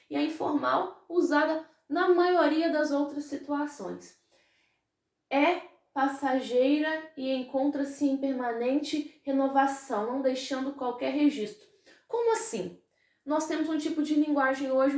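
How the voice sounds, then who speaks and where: High-voiced Brazilian teacher in echoey room. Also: female voice, a little mellow. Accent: Brazilian Portuguese. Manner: explains with questions and tag words to pupils. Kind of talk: classroom lesson.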